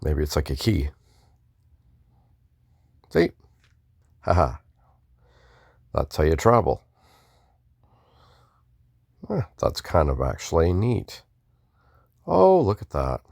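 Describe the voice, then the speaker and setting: A man's voice: low voice, wildly swooping pitch, slow pace, gravelly, long pauses, darkish tone, no room sound, clean studio sound. A man casually talking through a video game playthrough, mumbling offhand asides and restarting words. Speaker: gamer doing a playthrough. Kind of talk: casual gameplay commentary.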